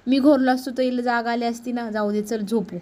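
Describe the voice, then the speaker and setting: A woman's voice: a little high, fairly even intonation, a little fast, warm tone, close to an everyday voice. A woman voicing an anxious young husband who keeps worrying aloud and nagging with the same question. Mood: fretful. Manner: worried, nagging, talking to himself.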